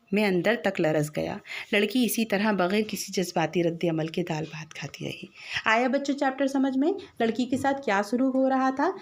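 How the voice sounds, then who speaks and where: A woman teacher reading a short story aloud to her students, raising her voice for the characters' lines. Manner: acts out the characters' lines with raised pitch.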